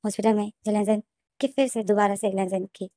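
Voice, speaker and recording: A woman rushes through a retelling of her own fan fiction, stumbling and restarting as the scenes pile up. Her voice is mellow and dark-toned. The sound is close and dry. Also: mid-range voice, fairly even intonation, no room sound. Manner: rapid, emotional retelling with many restarts. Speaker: fan fiction author and narrator. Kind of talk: storytelling narration.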